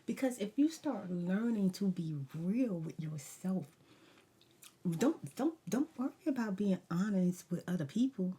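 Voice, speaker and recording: A woman's voice: mid-range voice, expressive, unhurried, mellow, husky. A woman ASMR vlogger rambling through a casual story time, talking candidly and emphatically with slangy asides and advice.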